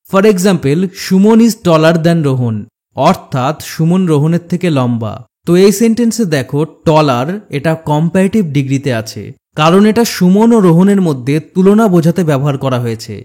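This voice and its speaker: Slightly high-pitched male grammar teacher. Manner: steady, explanatory, addresses learner directly; slows down to repeat example words. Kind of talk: scripted grammar lesson narration.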